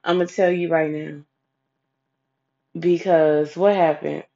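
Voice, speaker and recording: A woman's voice: low-pitched, fairly even intonation, slow pace, dark tone. A woman giving blunt, sassy, profanity-heavy advice in a casual vlog rant. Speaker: advice vlogger. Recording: dull lo-fi recording.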